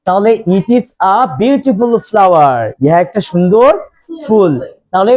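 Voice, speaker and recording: Man, teacher, classroom grammar lesson, mellow dark tone, drills questions to students. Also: high voice, animated, dull audio. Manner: slow, repeats questions to the class. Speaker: English teacher.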